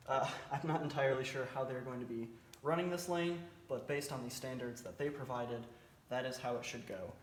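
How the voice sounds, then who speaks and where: A military cadet team instructor explains a drill in an informal briefing, speaking a little fast in a mid-range voice. He's plain-spoken and slightly hesitant, taking it step by step, with a roomy echo and faint background noise around him.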